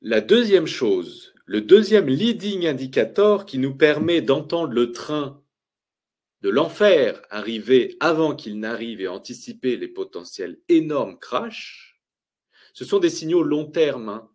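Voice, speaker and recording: Male finance presenter, mid pitch, emphatic, asks himself questions as he goes. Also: slow pace. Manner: lively, emphatic, rhetorical questions. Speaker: finance educator. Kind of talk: explaining charts to viewers.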